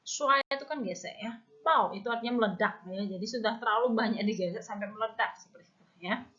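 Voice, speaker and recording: A woman's voice: on the high side, a little fast, pushed and bright. A woman with an Indonesian accent teaching an online Mandarin class, explaining patiently step by step and often tagging her phrases with "ya". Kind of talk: online language lesson. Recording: dull lo-fi recording.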